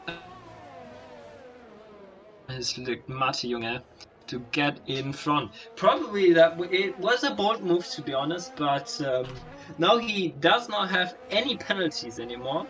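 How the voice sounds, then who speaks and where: Young man, co-commentator, bright sharp tone, halting then excitable, faint music behind. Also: on the high side. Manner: excitable, hesitant, bursts of enthusiasm at overtakes, non-native phrasing. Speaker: race co-commentator. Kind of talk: live sim-racing commentary.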